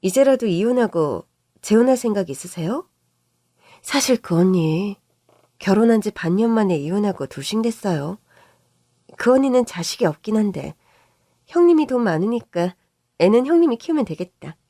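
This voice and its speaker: A woman's voice: mid-range voice, big pitch swings, normal speed, dark tone, no echo. A snobbish, mocking young sister-in-law, put on by a woman reader in a story read aloud. Her voice is raised and condescending, recorded dry and close. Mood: sneering. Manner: sneering, condescending.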